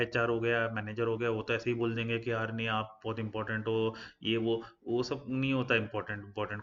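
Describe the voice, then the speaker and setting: A man talks plainly to his viewers about work, in a casual, blunt advice vlog. His voice holds a mid-level, fairly flat pitch, and the recording sounds a little dull and lo-fi. He leans on fillers and mixes English phrases into his speech. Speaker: career advice YouTuber.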